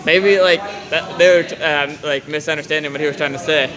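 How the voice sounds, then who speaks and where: A man's voice: fairly high pitch, steady tone, brisk, over music. A man casually chatting as a player in a tabletop game, rambling, laughing and tripping over his words. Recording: noisy group in the room.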